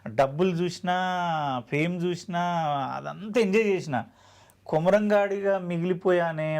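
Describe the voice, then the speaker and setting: A man's voice: fairly high pitch, darkish tone. A man with a Telangana Telugu accent, an actor guest telling his story in an earnest, heartfelt, plainspoken way. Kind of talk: emotional storytelling interview.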